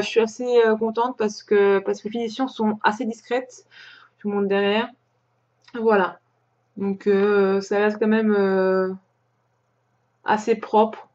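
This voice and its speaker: A woman from France hosting a crafting podcast, chatting casually and hesitantly with plenty of pauses and restarts. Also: medium pitch, muffled recording. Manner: hesitant, many fillers and restarts, chatty with light laughs. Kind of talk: casual show-and-tell chat.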